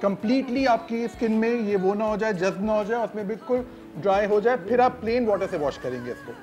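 A man's voice: high voice, expressive, a little fast, a little mellow, faint music behind. A man, a doctor guest on a TV morning show, explaining a skincare demonstration step by step in a studio. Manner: explanatory, checks in with listeners. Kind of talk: product demonstration.

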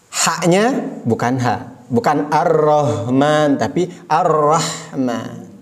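A man with an Indonesian accent leads a beginners' recitation lesson, drawing each word out slowly and going back over corrections patiently. His voice sits fairly high for a man and moves at an unhurried, deliberate pace. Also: darkish tone. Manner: patient, demonstrates words slowly and repeats corrections. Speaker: Quran recitation teacher. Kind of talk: slow step-by-step recitation lesson.

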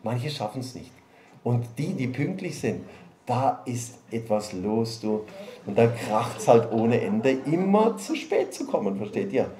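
A man preaching a sermon as a pastor, speaking in a lively way to his congregation with many repeated words and asides. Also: medium pitch, a little slow. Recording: echoey room with faint background noise.

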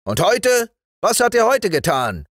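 A man's voice: high-pitched, wildly swooping pitch, a little slow, a bit bright, no room sound, studio quality, voice pushed up, full character voice. A man doing a rowdy toy-soldier army. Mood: indignant.

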